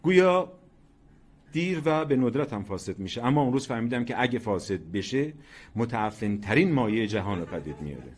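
Give me a man narrating a short story with dramatic, lively delivery. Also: mid-range voice. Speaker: story reader. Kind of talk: scripted narration.

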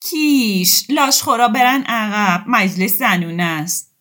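Woman reading as a bossy crude lady, slow mocking jabs, kinda loud. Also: medium pitch, expressive, voice pushed up, close to an everyday voice. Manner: blunt, mocking, slow and pointed. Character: bossy, coarse older woman who teases and mocks.

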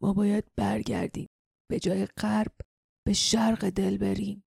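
A dazed, injured man murmurs faint, halting words to someone he loves, as a woman narrator puts him on. His voice is gravelly and dark, held to a flat, weak line, recorded dry and close for an audiobook. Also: fairly high pitch, dry recording, pitched above the performer's own voice. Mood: faint tender. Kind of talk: audiobook character voice.

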